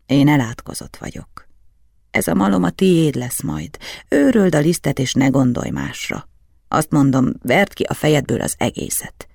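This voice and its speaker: A man voicing a gruff, bitter old alchemist in an audiobook. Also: on the high side, expressive, darkish tone, no room sound, studio quality. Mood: weary.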